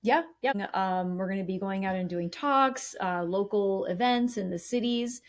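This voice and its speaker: A woman's voice: mid-range voice, normal speed. A middle-aged woman nutrition consultant co-hosting a podcast, talking in an upbeat, enthusiastic way. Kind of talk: casual podcast chat.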